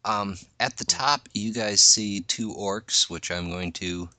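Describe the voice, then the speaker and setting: A man acting as game master, narrating a tabletop game casually and haltingly, often repeating his phrases. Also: fairly low pitch, sharp tone, no room sound.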